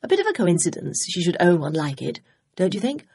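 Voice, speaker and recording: In an audiobook, a woman plays a relaxed, good-natured young gentleman who is easily puzzled. The voice is gravelly and husky and sits fairly low. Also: fairly quick, no room sound, studio quality, exaggerated voice. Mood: eager. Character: easygoing young gentleman companion.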